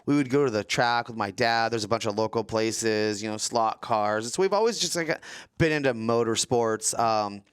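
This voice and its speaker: A middle-aged man from Southern California, co-hosting a casual podcast and telling stories in animated bursts. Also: medium pitch, normal speed, clean tone, dry recording, studio quality. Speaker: co-host.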